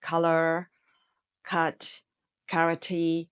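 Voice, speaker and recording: A middle-aged woman from Hong Kong, a marketing executive giving measured, explanatory interview answers. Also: deep voice, completely flat delivery, clean tone. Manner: measured, explanatory, with some fillers.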